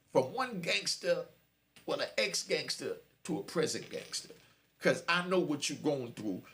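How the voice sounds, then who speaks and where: Addressing the camera directly, a man in his fifties who was once in prison tells his story and preaches warnings to the young. He sounds a little high, with vocal fry and a slightly bright tone.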